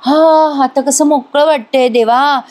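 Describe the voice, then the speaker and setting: A woman's voice: high voice, fairly even intonation, a little slow, darkish tone, voice pushed up. A woman voicing a sly young schemer. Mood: falsely sweet. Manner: sweetly insincere, coaxing.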